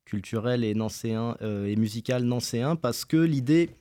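A man's voice: medium pitch, normal speed, warm tone, no echo, clean studio sound. A man, a guest on a local radio show, explaining an event at a casual pace with many fillers. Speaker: guest, cultural center organizer.

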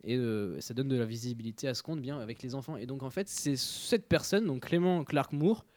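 A man's voice: mid-range voice, a little fast, a little mellow, no echo. A young man presenting a radio column in casual talk, hesitant and full of fillers.

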